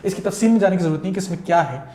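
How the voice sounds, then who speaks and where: A man's voice: high voice, rapid-fire, warm tone. A man, a guest critic giving long, detailed explanations and slipping into English mid-sentence. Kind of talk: conversational explanation. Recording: roomy echo.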